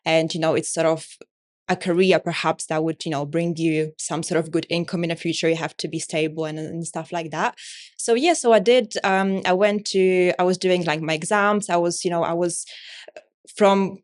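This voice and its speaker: A woman's voice: fairly low pitch, fairly even intonation, normal speed. Polish woman rambling through an interview. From Poland. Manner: rambling, many fillers like "like" and "you know". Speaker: interview guest, artist and business owner. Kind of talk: casual conversational interview.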